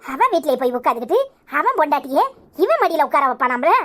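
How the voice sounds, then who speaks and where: A woman playing a sharp-tongued older village sister, scolding and mocking in a Kanyakumari Tamil accent. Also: high-pitched, sing-song, fast talker. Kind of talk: village comedy serial acting.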